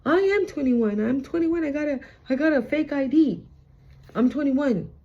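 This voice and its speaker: Woman doing a high, frantic underage kid begging at the club door, muffled lo-fi sound. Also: animated, moderate pace. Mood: pleading. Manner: high-pitched, pleading, flustered. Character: desperate underage partygoer insisting they are twenty-one. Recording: slightly muffled lo-fi recording.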